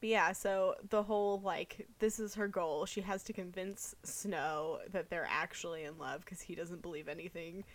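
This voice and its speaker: A woman's voice: on the low side, fairly even intonation, normal speed, few pauses. A young woman in casual podcast chat about a book, rambling and thinking aloud with lots of filler words.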